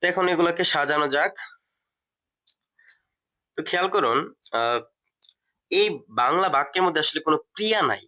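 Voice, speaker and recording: A man's voice: a little high, animated, normal speed, pauses often, bright, forceful tone. A man teaching a step-by-step lesson, asking and answering his own questions and often repeating key words. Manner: many fillers and restarts, repeats key words. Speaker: English teacher.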